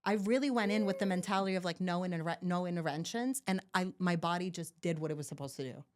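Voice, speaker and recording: A young woman, a podcast guest and new mother, telling her story in casual chat, animated and swearing freely as she acts out what people said. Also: on the low side, fast talker.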